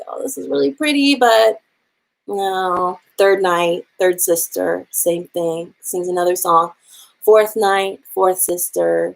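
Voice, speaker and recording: A woman's voice: fairly low pitch, low-quality recording. A woman hula teacher telling a legend to her class in a chatty, casual way, with lots of fillers. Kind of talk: casual storytelling.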